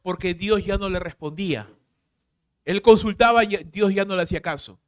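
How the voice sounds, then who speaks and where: A man pastor preaching a sermon, emphatic and full of rhetorical questions, swinging from loud to hushed. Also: high voice, normal speed, clear, resonant tone.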